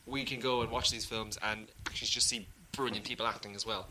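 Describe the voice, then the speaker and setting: A man's voice: fairly low pitch, fairly even intonation, fast, bright, forceful tone, rough recording. A man hosting a film podcast, chatting casually with a blunt, dismissive, joking manner. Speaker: podcast host.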